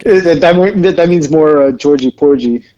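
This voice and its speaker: A man's voice: a little high, a little slow, warm tone, muffled recording. A man co-hosting a casual motorsport podcast, easygoing and full of questions. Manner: easygoing, asks lots of questions. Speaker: podcast co-host.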